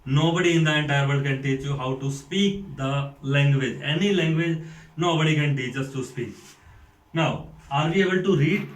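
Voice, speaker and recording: A man from India with an Indian accent, a school principal giving a classroom lecture, slow and deliberate, repeating points and asking rhetorical questions. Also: on the high side. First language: Hindi. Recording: echoey room, mic far off.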